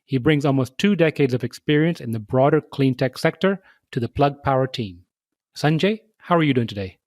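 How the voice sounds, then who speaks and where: A man hosting a podcast interview, reading measured, scripted introductions and asking questions. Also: mid-range voice, animated, a little mellow, no echo, clean studio sound. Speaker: podcast host.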